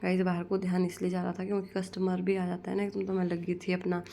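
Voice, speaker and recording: Young woman vlogger, low-pitched and mellow, casual rambling narration. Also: monotone, fast, creaky, slight background noise. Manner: rambling, strings lines together with "so guys". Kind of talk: casual vlog voice-over narration.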